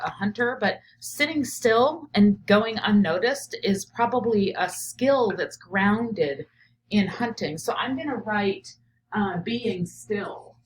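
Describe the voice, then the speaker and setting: In a low-quality recording with slight background noise, a middle-aged teacher and professor reads a children's story aloud in a medium-pitched voice. She reflects thoughtfully as she goes, thinking aloud and often sinking into a murmur while jotting down ideas.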